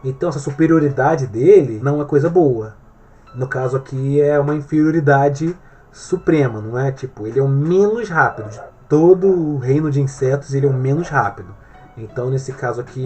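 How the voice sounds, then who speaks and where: A man's voice: mid-range voice, mellow. A male English teacher giving an online grammar lesson in Portuguese, explaining step by step and often checking that the viewer is following.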